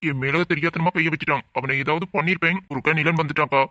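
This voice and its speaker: A man's voice: a little high, fairly even intonation, fast talker, sharp tone, dry recording. A voice actor playing an arrogant, bossy young male politician who threatens and gives orders in a cartoon drama. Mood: threatening.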